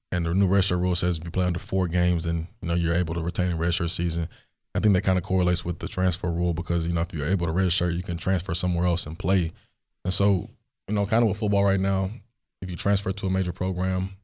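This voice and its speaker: Still recovering, this young podcast host has a hoarse, worn voice that sits low. Alone in the studio answering questions, he rambles casually and fills his speech with fillers.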